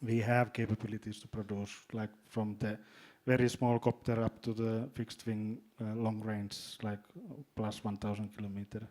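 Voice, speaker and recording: A man from Finland with a Finnish accent, speaking as a panelist in a hesitant way, often repeating words and filling pauses. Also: on the low side, flat delivery, darkish tone. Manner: halting, repeats words, many fillers. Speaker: panelist, drone company executive. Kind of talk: panel discussion.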